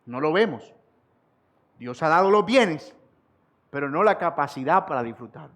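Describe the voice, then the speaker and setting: A man preaching an expository sermon as pastor, repeating key sentences slowly for emphasis and rising in force on rhetorical questions. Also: fairly high pitch, expressive, a bit bright.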